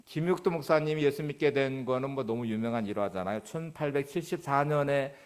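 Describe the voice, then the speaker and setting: A man's voice: medium pitch, fairly quick, smooth. A middle-aged man preaching a sermon as pastor, telling a story and acting out the quoted lines with rising emphasis.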